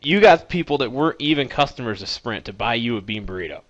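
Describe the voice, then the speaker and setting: A man's voice: mid-range voice, expressive, fast talker, no room sound, muffled recording. A man hosting a casual podcast chat, animatedly retelling his friends' antics. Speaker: podcast host.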